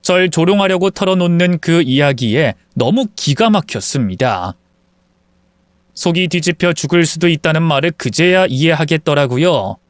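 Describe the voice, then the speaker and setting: A man reading a scripted first-person story in a measured, bitter, resolute way. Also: a little high, animated, no room sound. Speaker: narrator.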